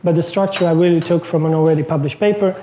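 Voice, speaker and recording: A Croatian lecturer in his thirties, not a native English speaker, gives a chatty, loosely phrased conference talk full of fillers. His voice is mellow and on the high side, fast, with fairly even intonation. The recording picks up slight background noise and the echo of a lecture room.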